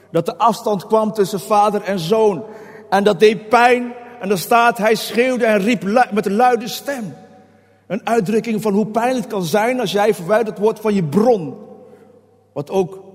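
A man's voice: sits high, a little mellow. A man preaching a sermon, passionate, who voices prayers in a raised, pleading tone. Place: hall. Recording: long hall reverb.

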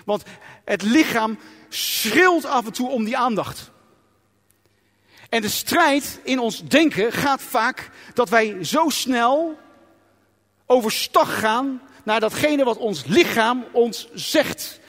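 A man's voice: extremely high pitch, lively intonation, takes it slowly, fairly bright tone. A man preaching a sermon in an emphatic, dramatic way, sometimes acting out inner voices. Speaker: pastor. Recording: long reverb of a church hall.

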